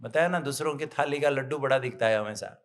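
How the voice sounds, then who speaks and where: A middle-aged man giving a motivational spiritual talk, telling a parable and acting out the characters in lively, excited bursts. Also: medium pitch, fast talker.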